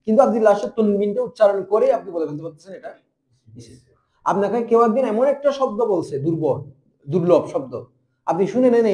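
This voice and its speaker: A young man with a Bangladeshi Bengali accent teaching a grammar lesson, asking questions and answering them himself, and repeating terms slowly. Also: high-pitched, mellow, roomy sound. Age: young adult. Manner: spells out letters and repeats terms.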